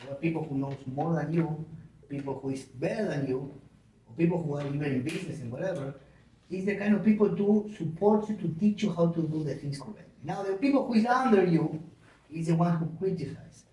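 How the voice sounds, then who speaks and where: A man's voice: a little high, fairly quick, slight background noise. A man, a gym owner, telling stories in loose on a casual podcast. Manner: non-native grammar, warm storytelling. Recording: very echoey room, mic far off.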